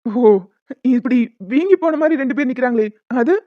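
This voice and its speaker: A woman's voice: high-pitched, a little fast, no room sound, narrow, tinny audio, close to an everyday voice. A woman voicing a teasing young man in a cartoon who banters with amusement. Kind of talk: animated cartoon voice acting.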